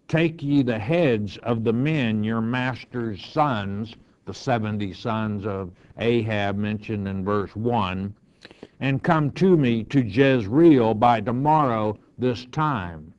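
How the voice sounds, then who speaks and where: Slow-speaking pastor teaching scripture. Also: male voice, mid-range voice, a little mellow, dull audio. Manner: reads scripture aloud, then explains it plainly. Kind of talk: verse-by-verse Bible teaching.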